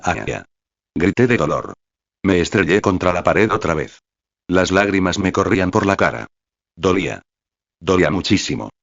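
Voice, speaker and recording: A man reads a first-person fan-fiction novel aloud in a very deep voice. His delivery is even and steady, and the recording is dry and slightly dull, with little treble. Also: dry recording. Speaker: novel reader. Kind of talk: scripted first-person fanfic narration.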